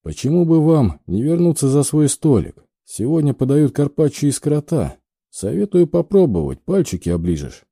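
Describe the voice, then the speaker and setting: A man's voice: on the high side, very animated, moderate pace, creaky, dark tone, husky, no echo, studio quality, pitched above the performer's own voice, exaggerated voice. A man as a blunt grumbling warrior. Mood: sardonic.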